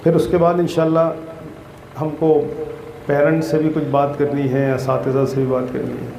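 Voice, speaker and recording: A man's voice: on the high side, flat delivery, normal speed, creaky, background noise. A man giving a motivational talk to schoolchildren at an outdoor school gathering, speaking in a fatherly way and quizzing the crowd. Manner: fatherly, calls listeners "beta", quizzes the crowd. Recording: roomy echo.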